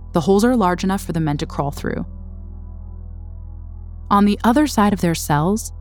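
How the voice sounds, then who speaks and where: Low-voiced woman narrating a documentary. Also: a little mellow. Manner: measured, dramatic storytelling. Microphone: studio voice-over.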